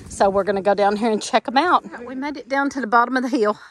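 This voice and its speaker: A fast-talking middle-aged woman with a higher voice vlogs her homestead, narrating casually as she walks and films the woods behind her farmhouse. She's chatty and folksy, laughs easily and uses lots of fillers.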